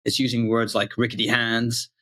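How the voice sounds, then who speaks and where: A man's voice: medium pitch, flat delivery, moderate pace, a bit bright. Easygoing male podcast co-host. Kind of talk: casual podcast chat.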